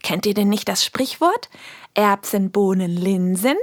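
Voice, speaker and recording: A woman voicing a lively little girl who cheerfully explains things to her friends. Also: medium pitch, measured pace, no room sound, studio quality, close to an everyday voice. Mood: explaining.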